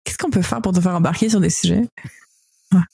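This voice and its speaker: A woman's voice: on the low side, a little fast, creaky, warm tone, husky, no room sound, clean studio sound, soft background music. A woman with a Quebec French accent hosting a casual news discussion, informally mixing English words into her French. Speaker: podcast host; teacher.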